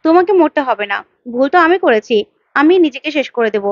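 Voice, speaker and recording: A woman's voice: high-pitched, animated, fast talker, dry recording, lo-fi sound. A woman voicing a gullible young husband who boasts and then pities himself, in a retold serial. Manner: boastful, then self-pitying.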